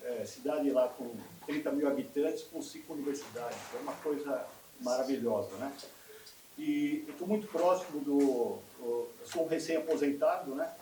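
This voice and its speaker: A man in his sixties from Brazil gives a personal testimony at a meeting, rambling and warm, often ending his phrases with a questioning "né?". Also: medium pitch, normal speed. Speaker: audience member giving a testimony. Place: union meeting hall. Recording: echoey hall, voice from far off, noisy.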